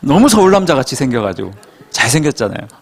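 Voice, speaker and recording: Animated, husky-voiced male pastor. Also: mid-range voice, fast talker. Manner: animated storytelling, acts out quotes. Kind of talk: sermon to a young adult congregation.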